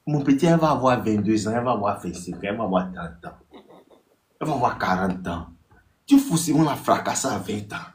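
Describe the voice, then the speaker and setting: A man with an Ivorian French accent giving casual dating advice on a live stream. He talks straight to his listeners, repeats his points and acts out text exchanges in a higher voice. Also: animated, fairly quick. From Ivory Coast. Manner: repetitive, addresses listeners directly.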